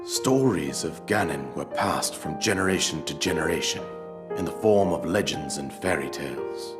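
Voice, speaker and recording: An older man playing a solemn, regal ghost king of a fallen kingdom, telling his story gravely in a video game cutscene. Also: rumbling low, expressive, over loud music. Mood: solemn storytelling. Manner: grave, stately, measured storytelling.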